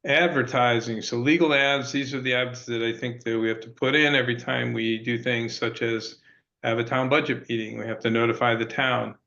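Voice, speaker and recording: A man chairs a town budget meeting, heard over a muffled, lo-fi conference call that keeps breaking up. His voice is gravelly with vocal fry, and he speaks hesitantly, pausing on many fillers. The sound is dull and narrow, like a speakerphone. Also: mid-range voice, fairly even intonation, sharp tone. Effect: conference call line, breaking up. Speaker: board chair.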